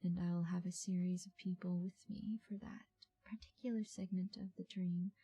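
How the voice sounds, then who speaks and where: A woman in a soft, breathy ASMR ASMR role-play as a patient, reassuring call center agent, speaking in unhurried phrases with murmured acknowledgements. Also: fairly low pitch, fairly even intonation.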